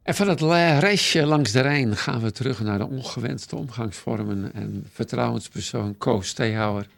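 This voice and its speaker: A man's voice: medium pitch, normal speed, gravelly. A male radio host announcing the next item and putting questions to his guest. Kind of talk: radio presenting.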